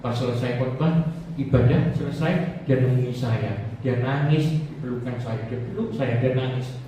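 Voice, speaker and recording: A man's voice: medium pitch, a little slow, warm tone, slight background noise. Man, pastor's sermon, joking storyteller, very reverberant hall, faint background ambience. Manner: chatty, joking storyteller who laughs at his own stories. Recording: very echoey hall, distant mic, faint ambience.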